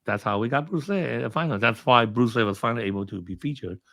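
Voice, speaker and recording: A fast-talking man from Hong Kong, a film commentator and interview guest, has a mid-range voice with a fairly bright tone and no room sound. His casual story rambles along with many fillers and restarts.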